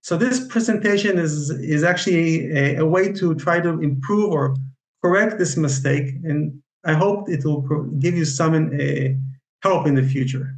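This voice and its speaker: Speaking with an Israeli accent, a man delivers an online lecture on Chinese medicine, halting often and filling gaps with fillers and restarts. His voice sits on the high side. Picked up over a video call, the audio is low quality and echoey.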